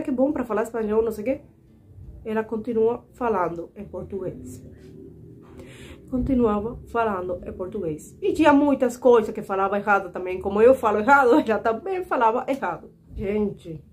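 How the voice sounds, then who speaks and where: A woman's voice: fairly high pitch, moderate pace, a little hiss or hum. Chatty Cuban woman in her twenties. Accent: Cuban Spanish. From Cuba. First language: Spanish. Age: 20s. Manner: chatty, animated, frequent fillers and asides to viewers. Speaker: vlogger. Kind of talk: casual storytelling to camera.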